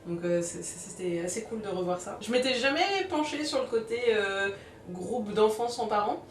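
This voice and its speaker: Hosting a vlog about films, this woman talks at normal speed in a medium pitch, explaining things conversationally. Her review moves between scripted narration and relaxed chatting, captured by a distant mic in a roomy space with faint music.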